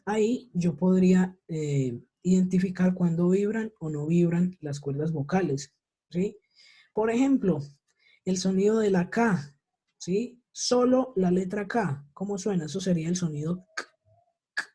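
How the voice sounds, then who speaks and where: Over a video call, a woman teaches an English lesson online, patiently and often checking that her students understand with repeated questions. Her voice is fairly low and a little slow, mellow with a breathy edge.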